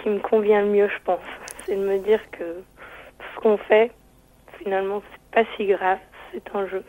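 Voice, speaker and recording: A woman with a thin, tender, slightly retro voice and rolled R's, answering casually and hesitantly as a radio interview guest. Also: mid-range voice. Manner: rolls her R's; hesitant, searching, frequent repetitions. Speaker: singer interviewed as phone-in guest. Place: on a phone call to radio. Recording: band-limited telephone line, dry.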